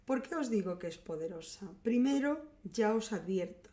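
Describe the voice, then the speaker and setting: A woman with an accent from Spain, calmly explaining relationship advice to her viewers in a teaching tone. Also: medium pitch, normal speed.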